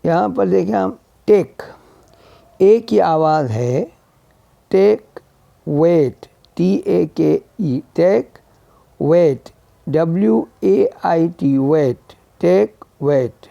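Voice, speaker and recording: A man teaches English vowel sounds at a very slow, deliberate pace, spelling out each word and saying it again and again. His voice is warm and gravelly. The recording is dry and dull, with a lo-fi sound. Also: fairly high pitch, animated, no echo. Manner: spells words letter by letter and repeats them. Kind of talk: slow spelled-out phonetics lesson.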